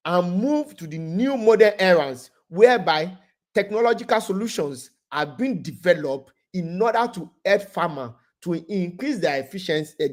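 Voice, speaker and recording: Give me a man speaking remotely on a video call as a guest presenter, delivering a webinar lecture in a halting way and often repeating words as he restarts. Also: sits high.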